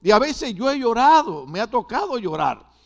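A man's voice: very high voice, very animated, normal speed, creaky. An older man, preaching a sermon as pastor, with rhetorical questions and repetition.

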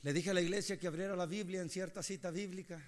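A man preaching a sermon, moving between hushed storytelling and impassioned shouting. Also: sits high, fairly even intonation, fast talker.

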